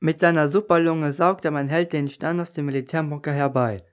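A man with a slightly raised pitch reads a first-person children's story aloud for radio. He narrates at an even storytelling pace, with a clear voice. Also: moderate pace.

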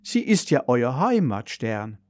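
A man voicing a polite, know-it-all robot car that speaks in an even, informative way. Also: mid-range voice, slow pace, no room sound, studio quality. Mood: lecturing. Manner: even, informative, slightly reproachful.

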